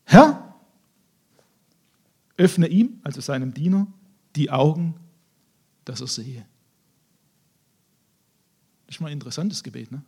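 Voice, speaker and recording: Male preacher, husky and fairly high voice, lively storytelling sermon. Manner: animated storytelling, acting out scenes in voices.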